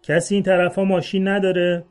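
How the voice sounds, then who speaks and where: A man's voice: mid-range voice, warm tone, natural voice. A man voicing an urgent, pleading helper. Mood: shouting for help. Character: grown man frantically helping an injured stranger.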